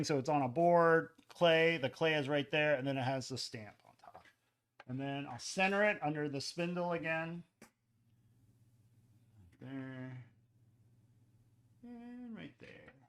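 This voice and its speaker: A man with a bright, fairly high voice talks through a pottery demonstration in his studio. He chats casually, with fillers and asides, and drifts off the mic as he moves around the room. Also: a little hiss or hum. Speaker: ceramics teacher. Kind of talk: live-stream pottery demonstration.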